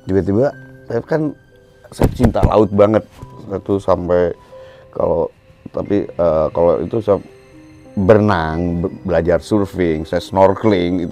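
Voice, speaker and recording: A middle-aged man from Bandung, a band musician, telling a story in an animated way on a casual podcast and acting out scenes with sound words. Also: deep voice. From Bandung, Indonesia.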